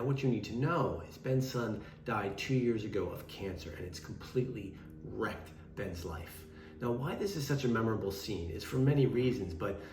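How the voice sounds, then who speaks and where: A man's voice: lowish voice, darkish tone. Man hosting commentary in an echoey room. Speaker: host of a film and TV scene review show. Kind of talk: informal scripted commentary to viewers. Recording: roomy, echoing voice.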